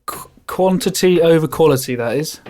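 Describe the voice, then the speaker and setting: Brief: higher-voiced co-host, dry teasing banter. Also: male voice, normal speed, a little mellow. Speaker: podcast co-host. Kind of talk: casual chat.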